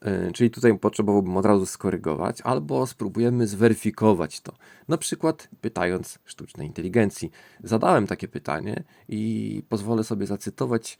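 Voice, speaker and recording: A man with a low, gravelly voice walks through a language point in a thoughtful, musing way, stopping now and then to search for the right word. The sound is close and dry, with no room around it. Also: no room sound. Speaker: language-learning channel host. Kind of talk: explanatory screen-recording lesson.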